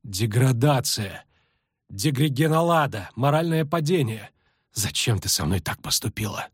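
A male reader voicing an exhausted, sardonic sorceress who speaks low, strained and muttering. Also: expressive, a little slow, husky, dry recording, studio quality. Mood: weary. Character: battered weary sardonic sorceress woman.

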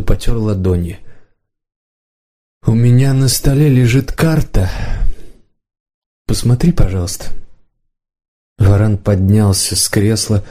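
A male audiobook narrator reads in a steady, measured way. His voice sits low, with a dark, mellow tone. The pacing stays even from line to line.

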